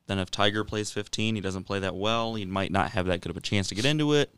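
A man co-hosting a casual sports chat, telling stories with a wry, animated edge. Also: fairly low pitch, quick pace, clean tone, no echo. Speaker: podcast co-host.

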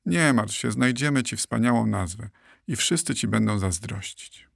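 A man voicing a cheerful, excitable male guinea pig in an audiobook, exclaiming playfully. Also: lowish voice, moderate pace, gravelly, dry recording, studio quality, exaggerated voice. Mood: tender.

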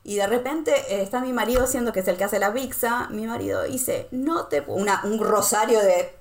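Animated Argentine woman telling anecdotes. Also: brisk. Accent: Rioplatense Argentine Spanish. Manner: animated storyteller, acts out quotes with big pitch jumps. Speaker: guest, expat living in Poland. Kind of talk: casual conversational interview.

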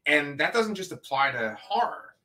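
A man's voice: fairly high pitch, sing-song, moderate pace, pushed and bright. A man hosting a casual review podcast, talking in an upbeat, rambling, emphatic way. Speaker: podcast host.

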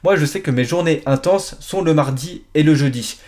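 A young man talks straight to his listener in a loose solo podcast. He rambles, stops to restart his sentences and fills the gaps with hesitations. His voice sits a little high for a man. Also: normal speed, darkish tone. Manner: rambling, many fillers and restarts, addresses listener directly. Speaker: podcast host. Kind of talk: casual solo podcast talk.

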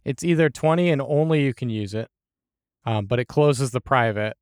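A man in a casual board game discussion, wry and hedging, his sentences often trailing off softly. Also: medium pitch, moderate pace, dry recording, studio quality.

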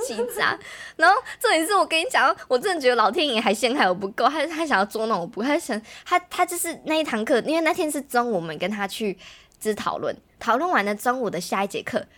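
A young woman, telling a personal story in animated, casual chat as a podcast host. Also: a little high. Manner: fast, animated storytelling, mimics others' voices.

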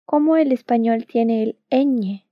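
This Portuguese lesson comes from a slow, patient woman teacher, a native speaker whose voice runs a little high. She models words slowly for repetition, with no room sound on a dull, dry, lo-fi recording.

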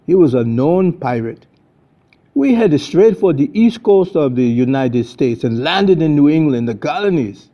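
In an animated, unhurried voice that sits on the high side, an older man narrates his own adventure story with scripted drama. It's captured on a dull, lo-fi recording.

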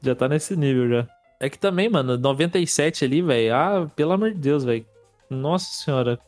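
A man's voice: on the high side, expressive, brisk, a little mellow, no echo, soft background music. A man on a podcast, rambling casually and full of slang such as "velho" and "mano". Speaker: podcast co-host. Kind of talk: casual group chat.

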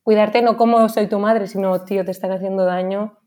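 A woman's voice: medium pitch, fairly even intonation, fairly quick, warm tone. Chatty woman who laughs often. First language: not Spanish-dominant, rarely speaks Spanish. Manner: enthusiastic, reflective, laughs often. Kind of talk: casual chat.

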